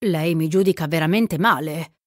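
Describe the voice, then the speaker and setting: A woman's voice: low voice, normal speed, no echo, clean studio sound, lightly acted. A woman voicing a gallant young gambler. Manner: smooth, gallant, flattering.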